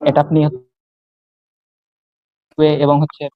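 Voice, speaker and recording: A man calling in to a debate, hesitant and pausing often, his call audio breaking up and cutting out over a dull lo-fi line. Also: no echo. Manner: hesitant, with many pauses and filler sounds. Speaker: caller debating the host. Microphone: remote call microphone.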